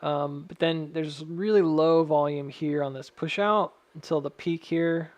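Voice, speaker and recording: Higher-voiced man with a whistling s. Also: a little mellow. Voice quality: whistling s sounds. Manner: measured, thinking aloud, cautious hedging. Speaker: stock chart analyst addressing viewers. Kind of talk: casual technical chart commentary.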